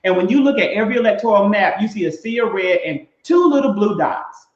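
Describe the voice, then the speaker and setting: A man with a high voice co-hosts the talk in an emphatic, preacherly cadence. His voice sounds roomy, and the recording is dull and lo-fi. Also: expressive, fast talker. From Mississippi. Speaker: podcast co-host. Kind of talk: casual discussion.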